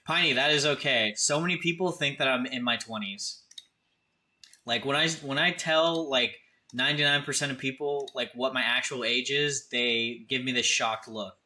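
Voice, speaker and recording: At a moderate pace and medium pitch, a man in his thirties hosts a laid-back livestream. His voice comes across pushed and bright as he speaks informally, responding directly to chatters.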